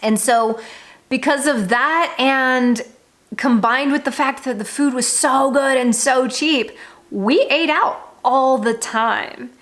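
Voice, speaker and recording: A travel vlogger from the United States speaks slowly in a high, somewhat bright voice. She gives her viewers a candid, chatty monologue, informal in style and frank and emphatic in delivery.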